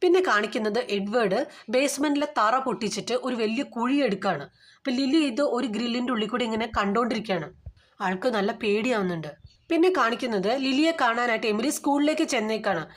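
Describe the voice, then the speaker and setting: A woman's voice: fairly high pitch, expressive, a little fast. A woman retelling a film's plot in a casual storytelling way, linking one event to the next in a chatty flow. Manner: grows loud and urgent at tense scenes. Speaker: movie recap narrator.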